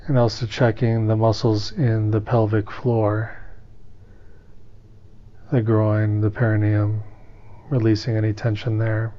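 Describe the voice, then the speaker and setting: A man teaches a guided meditation in a calm, soothing, unhurried manner, leaving long pauses between instructions. His pitch is fairly low, and the recording sounds muffled.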